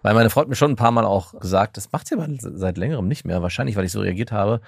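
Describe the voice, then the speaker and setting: A man's voice: on the low side, quick pace, creaky, husky, no room sound, studio quality. A middle-aged man talking candidly in a casual podcast chat, reflective and often restarting his sentences. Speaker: podcast co-host.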